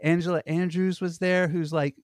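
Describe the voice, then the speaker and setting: A man's voice: on the high side, level tone, normal speed, a little mellow, dry recording, studio quality. A man co-hosting a podcast, telling stories in rambling casual chat full of fillers and restarts. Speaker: podcast co-host. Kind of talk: casual conversation.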